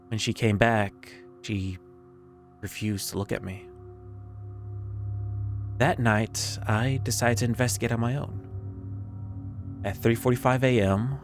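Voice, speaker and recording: A man narrating a scripted first-person horror story in a measured, creeping, suspenseful way with pauses. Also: mid-range voice. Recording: background music under the voice.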